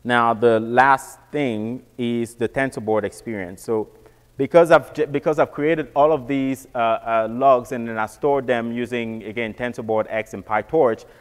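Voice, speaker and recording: A man's voice: medium pitch, fairly even intonation, a little slow, clear, resonant tone, big-room sound. A man giving a casual technical walkthrough, often repeating words and restarting phrases. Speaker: presenter.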